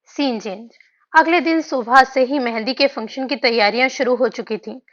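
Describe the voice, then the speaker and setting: A woman narrating a romance novel aloud in a steady storytelling manner. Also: high-pitched, a little fast. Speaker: audiobook narrator. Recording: dull lo-fi audio.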